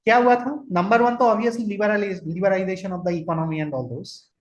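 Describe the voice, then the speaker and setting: A man's voice: high voice, racing, highs cut off. Indian man lecturing with roomy echo. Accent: Indian English. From Kolkata, India. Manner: asks listeners questions, drops into Hindi. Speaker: trainer, lecturer. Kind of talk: online lecture.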